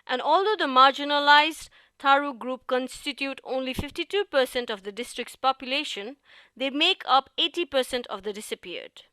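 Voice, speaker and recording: A woman from Nepal co-hosting a podcast, giving measured, scripted narration. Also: sits high, sharp tone, smooth, no echo. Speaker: podcast co-host.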